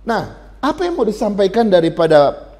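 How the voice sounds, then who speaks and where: A man's voice: high-pitched, very animated, moderate pace, a little mellow. A male pastor giving a sermon in a conversational style, often turning to address the congregation directly.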